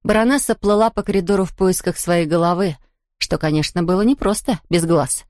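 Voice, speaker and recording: Woman audiobook reader, lowish voice, calm even storytelling, close dry mic. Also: fairly quick, no echo. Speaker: audiobook narrator. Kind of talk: scripted narration.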